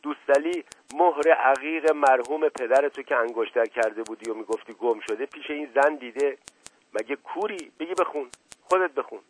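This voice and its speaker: A man's voice: medium pitch, lightly acted, low-quality recording. A man doing a stern, domineering old uncle. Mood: scolding. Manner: stern, commanding.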